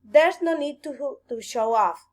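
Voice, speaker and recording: A woman voicing a smug, stubborn witch in a fairy tale, speaking slowly and teasingly. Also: sits high, animated, darkish tone, voice pushed up.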